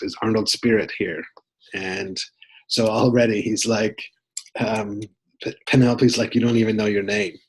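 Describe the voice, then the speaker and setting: A man with a husky, slightly breathy voice sitting a little low in pitch talks through a book's story in an easygoing way. He stops often with ums, backs up and restarts his sentences as he goes. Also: rough recording. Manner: relaxed retelling with frequent ums and restarts. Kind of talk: casual spoken book summary.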